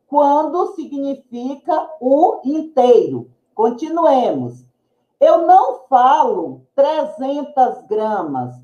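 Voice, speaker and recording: A woman's voice: high-pitched, dark tone, echoey room, lo-fi sound. A woman with a Brazilian Portuguese accent, teaching grammar tips in a careful, didactic way. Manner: slow, careful, didactic delivery. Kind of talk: educational tips video.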